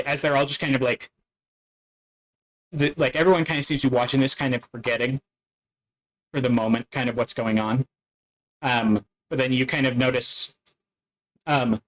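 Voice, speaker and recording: Male dungeon master, mid-pitched, halting delivery with lots of fillers. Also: a bit bright, poor audio. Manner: halting, many fillers and restarts. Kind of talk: narrating a tabletop game.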